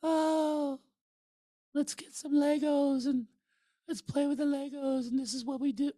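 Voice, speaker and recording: Man doing a syrupy high-voiced woman. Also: little pitch movement, unhurried, dark tone, dry recording, clean studio sound. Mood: sugary. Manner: singsong, overly sweet. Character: sugary, babyish-sounding adult woman.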